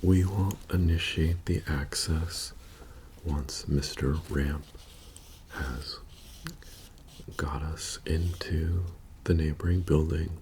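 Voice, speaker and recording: A man in an ASMR role-play as a methodical bank heist planner, speaking in a soft-spoken, halting and matter-of-fact murmur. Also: a bass voice, fairly even intonation, a little hiss or hum, exaggerated voice. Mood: calm, methodical. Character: methodical male bank heist crew planner briefing his team.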